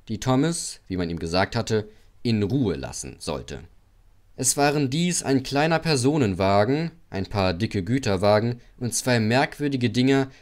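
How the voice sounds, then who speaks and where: A man narrating a children's audiobook with a lively, expressive reading. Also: medium pitch.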